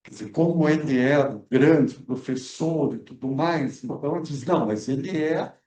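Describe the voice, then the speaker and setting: In an event room at a cultural center, a man invited as a researcher talks history during a film club debate, full of fillers and false starts. He sounds a little high and a little mellow at normal speed, distant from the mic in an echoing space.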